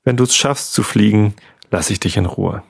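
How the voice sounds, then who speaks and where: A sly, growling fox, as a man puts him on in a storybook tale. His voice sits low and rough, dry and close. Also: unhurried, no echo, exaggerated voice. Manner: growling, dismissive.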